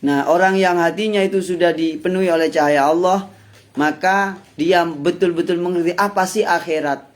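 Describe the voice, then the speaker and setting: A Javanese-accented man, an Islamic preacher, giving a conversational study-circle sermon with loud bursts and soft asides. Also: high-pitched, steady tone, normal speed. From Indonesia.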